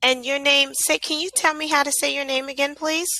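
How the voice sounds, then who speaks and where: A woman's voice: high-pitched, little pitch movement, brisk, sharp tone, no echo. A woman from the United States tutoring English over a video call, upbeat and friendly. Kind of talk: casual online tutoring chat.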